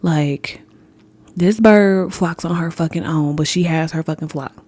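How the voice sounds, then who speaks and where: A woman's voice: low-pitched, unhurried, a little mellow. A young adult woman hosting a podcast in casual chat, candid and swearing freely, laughing often and talking straight to listeners. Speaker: podcast host.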